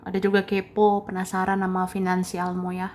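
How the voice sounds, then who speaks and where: A young woman giving a casual tarot card reading, repeating phrases and chuckling softly as she goes. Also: medium pitch, completely flat delivery, slight background noise. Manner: slow, repetitive phrasing with soft chuckles. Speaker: tarot reader.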